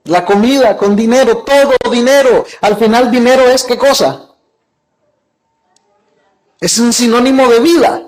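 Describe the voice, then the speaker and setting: High-voiced preaching pastor. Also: male voice, a little slow, long pauses, rough recording. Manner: asks the congregation rhetorical questions; retells scripture in his own words with quoted dialogue. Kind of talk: sermon.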